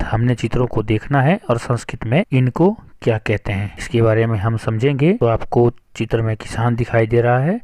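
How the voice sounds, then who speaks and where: A man teaching a school Sanskrit lesson, reading each word and then giving its meaning in a measured, explanatory way. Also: medium pitch, a little mellow, dry recording. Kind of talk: slow explanatory lesson narration.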